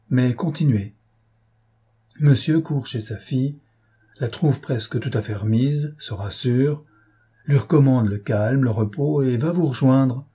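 A man's voice: mid-range voice, mellow, husky, lightly acted. A man voicing a talkative female governess who recounts events in a chatty, fretful way.

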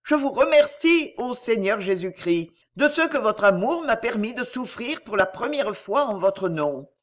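A man's voice: extremely high pitch, sing-song, a little slow, voice pushed up, exaggerated voice. A man reading aloud, voicing a devout young blind girl in fervent prayer to God.

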